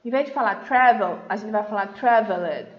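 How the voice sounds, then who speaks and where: A woman's voice: mid-range voice, roomy sound, muffled recording. A woman with a Brazilian Portuguese accent teaching English to children in a recorded lesson, patient and checking in often. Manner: patient, explains slowly, checks in with "tá?" and "certo?". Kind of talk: recorded remote class for children.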